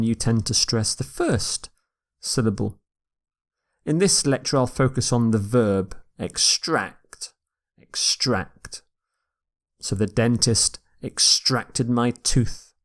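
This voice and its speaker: Slow, deliberate male vocabulary teacher. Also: mid-range voice. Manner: slow, deliberate, repeats words for pronunciation. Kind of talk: recorded vocabulary lecture.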